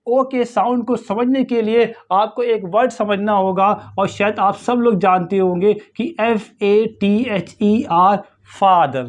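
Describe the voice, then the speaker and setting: Slow, high-voiced man drilling pronunciation. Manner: drills words slowly, repeating them many times. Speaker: English pronunciation teacher. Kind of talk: Hindi-English pronunciation lesson.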